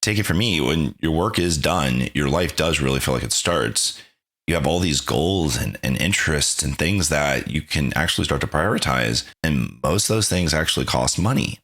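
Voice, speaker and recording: A man's voice: extremely low pitch, lively intonation, normal speed, a bit bright. A man hosting a podcast, thanking his guest and then recapping the lessons in a reflective, conversational way. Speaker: podcast host. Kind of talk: podcast interview and narrated recap.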